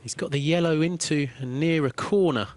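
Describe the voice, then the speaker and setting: A man giving calm, explanatory play-by-play commentary on a billiards match. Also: a little high, moderate pace. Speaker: sports commentator.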